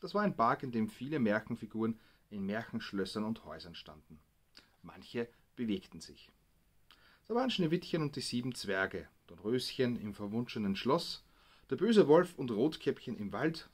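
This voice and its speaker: Brief: male bedtime story reader, expressive, wide-ranging melodic pitch, mid-range voice. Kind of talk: children's bedtime story reading.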